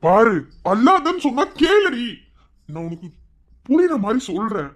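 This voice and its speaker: A man's voice: on the high side, moderate pace, a little mellow, lightly acted. Man voicing a coaxing cartoon husband. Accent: Madurai Tamil. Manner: coaxing, pleading to be heard. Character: patient young husband comforting his wife.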